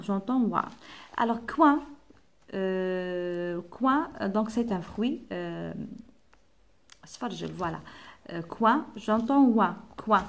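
Algerian woman teacher, slow patient phonics. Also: medium pitch. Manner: slow, drawn-out repetition of words and sounds for children. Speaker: primary school teacher. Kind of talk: French phonics lesson mixed with Algerian Arabic explanations.

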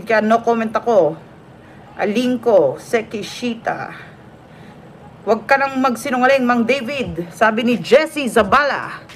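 A woman's voice: fairly high pitch, a bit bright, a little hiss or hum. A woman hosting a casual live stream, reading viewer comments aloud and laughing often. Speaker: livestream vlogger reading comments. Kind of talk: casual livestream chat. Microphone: phone or webcam on a live stream.

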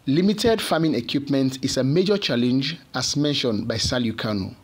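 A male news reporter reads a scripted voice-over in a measured, even delivery. His voice has a husky, slightly breathy grain. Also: mid-range voice.

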